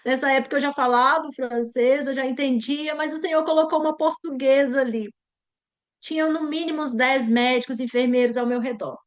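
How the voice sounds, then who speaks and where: High-voiced Brazilian woman giving testimony. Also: steady tone, brisk. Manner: earnest, rising to high pitch at emotional peaks. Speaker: church member giving testimony. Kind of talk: emotional personal testimony.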